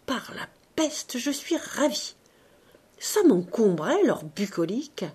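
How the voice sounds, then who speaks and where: A woman voicing a grumpy, sardonic old male showman in an audiobook, talking loudly and blustering. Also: on the high side, very animated, slow pace, husky, pitched above the performer's own voice, full character voice. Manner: loud, blustering, exclamatory. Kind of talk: audiobook reading.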